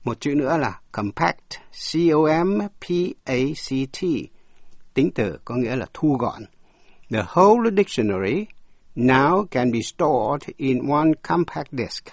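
A man giving a scripted vocabulary lesson, spelling words letter by letter and reading English examples slowly before explaining them. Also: medium pitch, big pitch swings, husky, no room sound. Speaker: English teacher.

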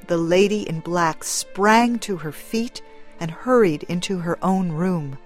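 Calm measured woman reading a story, slow, dry recording, soft music. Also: on the low side. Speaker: narrator. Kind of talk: scripted story narration.

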